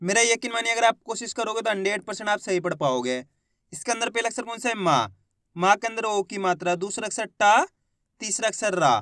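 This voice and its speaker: A man teaching Hindi reading in a slow step-by-step lesson, patiently repeating each word and sounding out syllables. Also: high voice, a bit bright, dry recording, clean studio sound.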